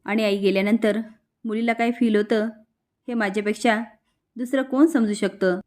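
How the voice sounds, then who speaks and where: A woman's voice: mid-range voice, fairly even intonation, normal speed, darkish tone, lightly acted. A woman voicing a young daughter who earnestly pleads with her father, in a spoken soap-story retelling. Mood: pleading.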